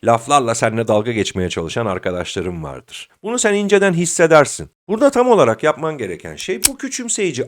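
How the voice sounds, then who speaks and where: A middle-aged man giving a motivational talk as a self-confidence coach, speaking directly to the listener like a friend. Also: mid-range voice.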